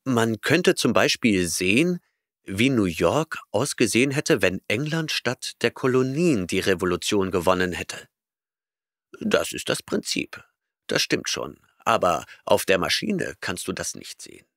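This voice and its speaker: A man's voice: fairly low pitch, big pitch swings, measured pace, fairly bright tone, no room sound, studio quality, full character voice. A man reading an audiobook voices an arrogant, eccentric male professor who lectures impatiently and snorts at his listener. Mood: lecturing.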